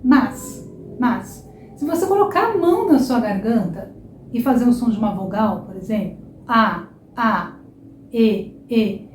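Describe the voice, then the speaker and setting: A Brazilian woman teaching a Portuguese lesson online, repeating example words slowly and checking in with "tá?" and "ok?". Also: high-pitched, warm tone, echoey room. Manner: slow, drawn-out repetition of example words; checks in with frequent "tá?" and "ok?".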